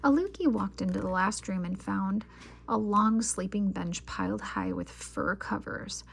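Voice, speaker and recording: A woman reading a children's picture book aloud as an expressive storyteller. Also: medium pitch, measured pace, gravelly, a little hiss or hum.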